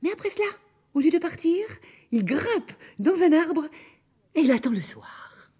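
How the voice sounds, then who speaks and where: A woman narrating a children's story aloud in an expressive, dramatic way. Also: high-pitched, measured pace.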